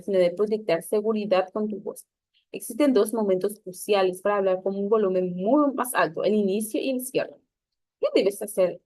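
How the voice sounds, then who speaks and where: A woman's voice: medium pitch, darkish tone, dry recording. A woman teacher reading aloud a lesson on public speaking, instructive, with small slips and restarts.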